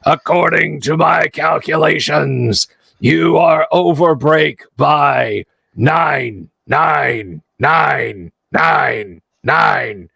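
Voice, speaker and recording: A game master voicing a cold cyborg spider machine with a rasping, metallic voice in a tabletop game, delivering slow, clipped, menacing announcements. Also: male voice, fairly high pitch, bright, forceful tone, no room sound, full character voice.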